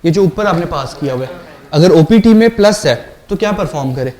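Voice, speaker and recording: High-voiced man teaching a programming class. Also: expressive, a little fast, a little mellow. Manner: explains step by step, asks the class questions and checks understanding. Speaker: programming lecturer. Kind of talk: classroom lecture.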